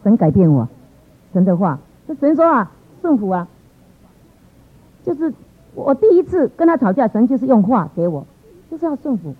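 A middle-aged woman giving a personal church testimony in a lively, exclamatory way with frequent laughter. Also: fairly high pitch, moderate pace, long pauses, breathy edge. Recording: tinny phone-like sound.

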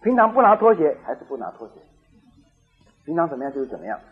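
Animated male preacher telling a story. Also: on the high side, quick pace, slightly rough, phone-quality sound. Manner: animated, acts out dialogue, laughs at own story. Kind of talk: sermon storytelling.

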